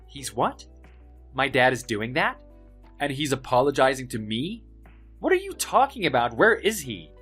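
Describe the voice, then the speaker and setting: An actor playing an arrogant, spoiled young heir who bullies office workers in a dramatized story, with a mocking, pompous manner. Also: male voice, mid-range voice, sing-song, measured pace, pauses often, breathy edge, soft background music, full character voice. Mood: shocked, indignant. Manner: mocking, pompous, loud swings of emphasis.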